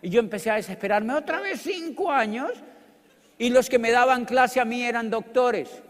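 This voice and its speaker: Middle-aged Colombian man, high-pitched, animated, joking motivational speaker in a reverberant hall. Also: moderate pace. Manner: animated, joking, bursts into loud exclamations. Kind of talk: storytelling business talk.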